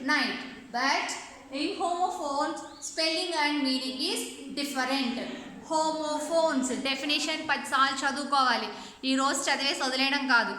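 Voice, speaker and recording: High bright Telugu-accented woman teacher. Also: reverberant, slight background noise. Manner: slow deliberate English, quicker Telugu explanations; spells words out letter by letter. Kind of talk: online English lesson for children.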